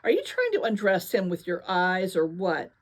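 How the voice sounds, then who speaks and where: A woman's voice: lowish voice, wildly swooping pitch, normal speed. A woman reading a blunt, teasing teenage girl.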